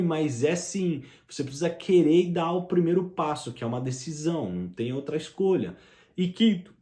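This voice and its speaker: A man's voice: on the high side, a little mellow, echoey room. A man giving an emphatic motivational talk, speaking straight to the listener and asking rhetorical questions.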